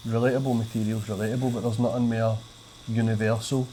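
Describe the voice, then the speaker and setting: A man's voice: fairly low pitch, little pitch movement, quick pace, mellow, slight background noise. A man with a thick, broad Glaswegian Scottish accent in casual podcast chat, speaking colloquially with an occasional slight stutter. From Glasgow, Scotland. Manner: colloquial, broad Scots wording, some swearing. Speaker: stand-up comedian, podcast guest.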